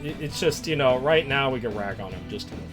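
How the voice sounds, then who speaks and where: A man's voice: mid-range voice, lively intonation, quick pace, fairly bright tone, soft background music. A man streaming a video game, chatting casually and joking with a friend. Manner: joking, laughs often. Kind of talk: casual gameplay chat.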